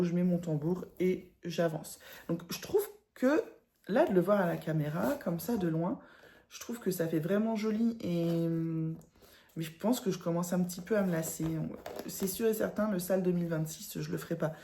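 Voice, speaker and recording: A woman's voice: fairly low pitch, moderate pace, warm tone. A woman with a northern French accent chatting casually about her embroidery, self-mocking and laughing often. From northern France. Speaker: embroidery vlogger. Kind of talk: casual chat.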